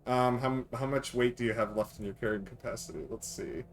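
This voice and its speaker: A man's voice: mid-range voice, steady tone, a little fast, slight background noise. A man acting as game master, narrating a tabletop game casually and often thinking aloud with some hesitation.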